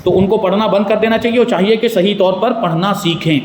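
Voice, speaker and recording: High-voiced man lecturing in an echoey mosque. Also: a little mellow, a little hiss or hum. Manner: explanatory, asks the audience rhetorical questions. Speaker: mufti teaching Quran commentary. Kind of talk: religious lecture. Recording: echoey hall with faint ambience.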